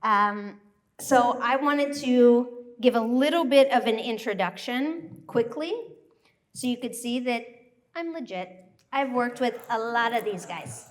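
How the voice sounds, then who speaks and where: An American woman who grew up in Thailand, giving a joyful, animated live presentation to a workshop group. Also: fairly high pitch, measured pace. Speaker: workshop speaker.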